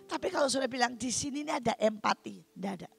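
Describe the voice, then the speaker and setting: A woman preacher giving a sermon testimony, talking straight to the congregation and moving between quiet, intimate passages and loud, emphatic ones. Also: high voice, quick pace, vocal fry, slightly rough, faint music behind. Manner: addresses congregation often, swings from quiet to loud.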